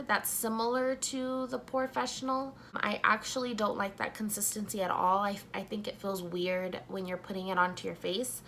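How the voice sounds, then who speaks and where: A young woman chats through a makeup review in a soft, slightly sleepy voice. Her pitch sits in a middle range for a woman. A faint hiss sits under the recording. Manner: soft-spoken, just woken up. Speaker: beauty vlogger.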